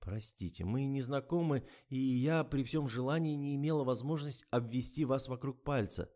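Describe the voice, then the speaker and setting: A nervous young woman writer, as a male reader puts her on, answers politely and hesitantly. Her voice sits a little higher than the reader's own. It is an audiobook performance. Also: normal speed, dark tone, natural voice. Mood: polite flustered.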